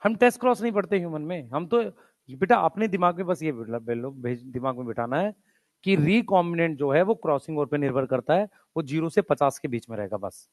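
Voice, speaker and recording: High-voiced man teaching a class, dry sound. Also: animated, no echo. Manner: addresses students as beta, mixes English terms, prods them to write fast. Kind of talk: classroom lecture.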